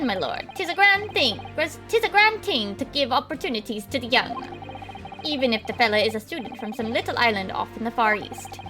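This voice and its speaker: Woman doing a hearty, blustering old gentleman. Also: fairly high pitch. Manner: hearty, rambling, old-fashioned.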